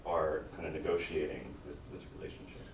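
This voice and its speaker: A man questioning as an academic examiner, informal and halting, softening his critique as he builds toward a question. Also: a bass voice, steady tone. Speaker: academic examiner at a dissertation defense. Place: echoey room, recorded from a distance. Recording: echoey room, distant mic, faint noise.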